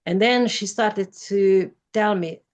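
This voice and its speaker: A woman's voice: mid-range voice, takes it slowly, darkish tone. A woman, an English speaker who talks in careful, simple sentences as an interview guest. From former Yugoslavia. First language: Hungarian. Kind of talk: personal testimony in an interview.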